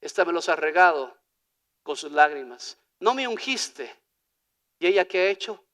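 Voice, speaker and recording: A man preaching a sermon as pastor in Ecuadorian Spanish, swinging from hushed to loud and calling listeners "hermano". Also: fairly high pitch, lively intonation, normal speed. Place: church. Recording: church hall reverb.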